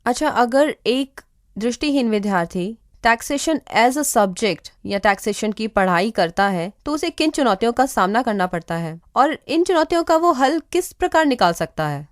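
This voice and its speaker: A woman hosting a radio interview, asking formal, clear questions. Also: fairly high pitch, animated, moderate pace, no echo, clean studio sound.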